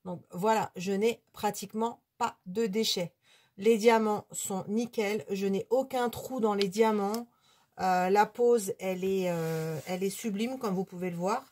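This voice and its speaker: A woman's voice: mid-range voice, measured pace, darkish tone. Chatty woman hosting a hobby vlog. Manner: chatty, hesitant, many fillers. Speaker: hobby channel host. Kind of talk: casual unscripted product review.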